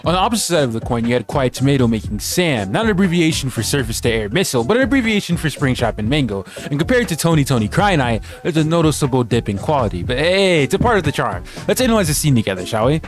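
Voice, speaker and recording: A man's voice: medium pitch, very animated, fast talker, hardly any pauses, over music. A man hosting a video essay with casual comedic commentary, joking and sardonic in slangy speech.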